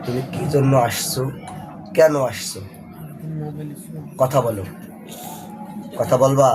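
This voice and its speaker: A man's voice: medium pitch, slow, background noise. A man from Bangladesh, a ruqyah healer, sternly commanding and threatening during an exorcism session. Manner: stern, commanding, often hushed.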